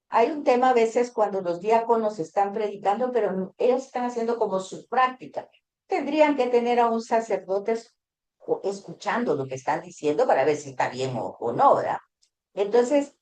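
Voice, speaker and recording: A woman with a fairly high voice gives an explanatory class talk. She speaks in halting phrases, restarting and repeating words as she works out her point, and she acts out dialogues when she tells anecdotes. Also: a little mellow, roomy sound.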